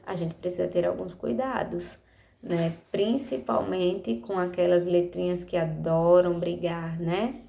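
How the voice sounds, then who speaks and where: Slow, patient teacher woman. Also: lowish voice, vocal fry, warm tone. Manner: slow, patient, stretches out words for young pupils; affectionate diminutives, checks understanding with frequent "né?". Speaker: primary school teacher. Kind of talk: recorded remote lesson for children. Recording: echoey room with faint noise.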